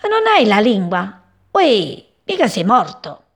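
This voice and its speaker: A woman's voice: medium pitch, wildly swooping pitch, unhurried, slightly rough, heavily acted. CP, a woman doing a chirpy little bird. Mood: curious. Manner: chirpy, cheeky, bold. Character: small curious cheeky young male bird.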